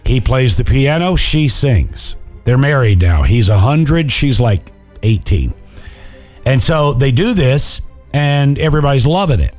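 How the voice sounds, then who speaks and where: Man, podcast co-host, casual chat, teasing, playful, animated pitch, faint music behind. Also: unhurried. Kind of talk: casual chat and quiz hosting.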